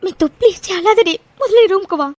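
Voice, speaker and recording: A woman voicing a caring young woman friend in a cartoon, soft and coaxing. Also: very high voice, fairly quick, dry recording, clean studio sound. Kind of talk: cartoon voice acting.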